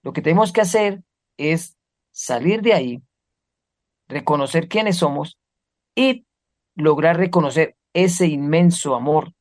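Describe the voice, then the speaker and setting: Slow, earnest man preaching. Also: fairly high pitch, darkish tone. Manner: earnest and preaching, with lists and rhetorical questions. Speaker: guest speaker. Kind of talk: spiritual talk.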